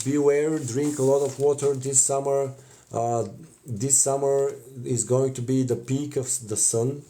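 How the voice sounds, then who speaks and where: A man in his thirties with a Bulgarian accent, chatting on a live stream from a cluttered home craft table. His voice is mellow and dark. He talks into a phone held close, thanks viewers warmly, and often pauses with "uh" while he paints. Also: medium pitch. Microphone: phone camera close in front.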